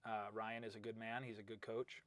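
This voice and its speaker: A man's voice: on the low side, brisk, no room sound. A middle-aged man, a wrestling coach, telling stories in a casual interview, acting out quotes and calling his listener "bro.". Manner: animated storyteller, acts out quotes, says "bro" and "right?".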